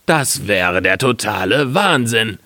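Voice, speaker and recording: A man reading a fairy tale aloud, voicing a gruff, gullible miller in a lower, slower voice. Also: lively intonation, bright, forceful tone, no echo, full character voice.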